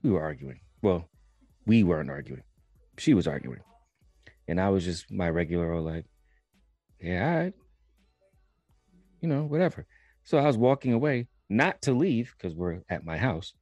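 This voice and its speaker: A young man telling a personal story in a casual podcast chat, animated and laughing as he talks. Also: deep voice, dry recording. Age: young adult. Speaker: podcast co-host.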